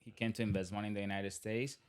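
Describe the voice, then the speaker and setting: A Colombian man in his thirties, a business owner whose first language is Spanish, guests on a podcast in casual interview talk, rambling, restarting, and laughing often. His lowish voice is flat, very fast, clear, and resonant, with a Colombian accent.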